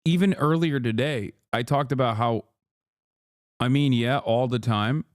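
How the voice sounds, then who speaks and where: A man's voice: mid-range voice, unhurried, no room sound, studio quality. A man from Turkey streaming live, reading and answering his chat in blunt casual talk that swears freely.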